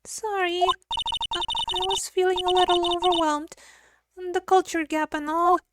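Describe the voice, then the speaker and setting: A bubbly teenage girl sidekick acted out by a woman reading a game, with an extremely high, girlish voice. She is excitable and easily flustered, speaking slowly over loud music. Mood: flustered, apologetic.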